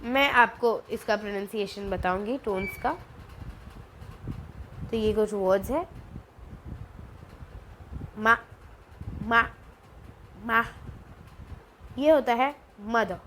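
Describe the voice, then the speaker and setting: A woman's voice: medium pitch, measured pace, long pauses, poor audio. A woman teaching a Chinese language lesson, explaining patiently, slipping in English phrases and repeating syllables to demonstrate. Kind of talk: casual spoken lesson. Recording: faint background noise.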